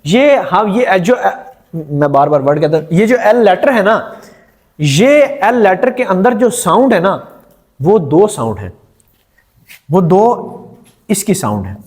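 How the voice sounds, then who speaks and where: A man's voice: high voice, very animated, unhurried, pauses often, darkish tone. A male teacher giving a grammar lecture in a classroom, quizzing the students and repeating their answers.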